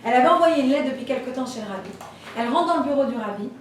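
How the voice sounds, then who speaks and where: High-voiced woman telling stories. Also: racing, a little hiss or hum. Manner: lively storytelling, acts out voices. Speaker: Torah teacher. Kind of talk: storytelling class. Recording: echoey room, voice from far off.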